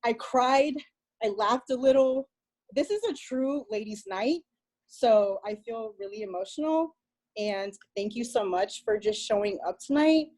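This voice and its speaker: Woman coach, emotional testimony, rambling and excitable, higher voice, video-call mic. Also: measured pace, poor audio. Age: adult mother. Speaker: fitness coach sharing her story.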